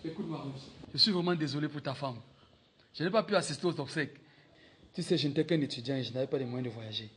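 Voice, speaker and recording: An apologetic elder brother played by a man talks quickly and earnestly. His voice sits slightly high. A faint hiss runs under the film audio. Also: a bit bright, close to an everyday voice. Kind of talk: melodramatic film acting.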